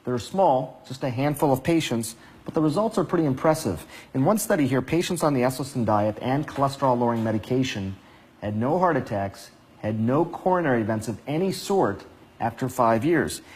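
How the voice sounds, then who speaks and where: A male reporter narrating a scripted news story in a measured, deliberate way. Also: medium pitch, expressive, a little mellow, breathy edge.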